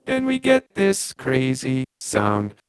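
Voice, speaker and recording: A man's voice: wildly swooping pitch, slow pace, clear, resonant tone, no room sound. A man demonstrating a vocal effect, speaking test phrases through a robotic lo-fi speech-synth filter. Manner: repeats test phrases, pitch jumps wildly.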